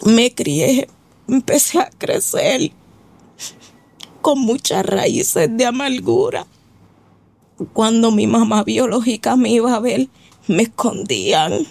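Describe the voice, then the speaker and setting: A woman's voice: a little high, lively intonation, slow, vocal fry, long pauses, a little mellow. A Puerto Rican woman giving her personal testimony as a guest in an interview, talking hesitantly with many filler words. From Puerto Rico.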